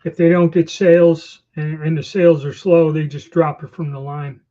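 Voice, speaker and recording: Male livestream host: relaxed, rambling chat, slight false-teeth impediment, dull lo-fi audio. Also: a little high, normal speed. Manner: rambling, conversational. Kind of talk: casual livestream chat answering viewers. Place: small storeroom or office, indoors.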